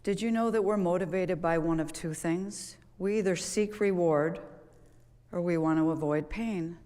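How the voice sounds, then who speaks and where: A woman speaks from the stage of a large auditorium, giving a motivational talk in a chatty, storytelling way. Her voice sits on the low side, and the hall adds a long, lingering reverb. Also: normal speed, mellow. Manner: conversational, storytelling, with rhetorical questions. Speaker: public speaker and golf coach.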